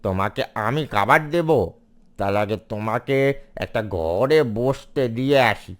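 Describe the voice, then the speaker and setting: A man's voice: lowish voice, lively intonation, measured pace, a bit bright. A man voicing a sly fox who speaks in a falsely kind manner.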